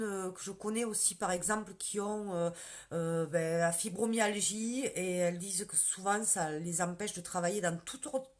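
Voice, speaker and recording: A woman with a strong southern French countryside accent, chatting casually on a live stream, answering viewers' questions about her sales work and greeting commenters by name. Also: mid-range voice. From southern France. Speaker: beauty sales consultant.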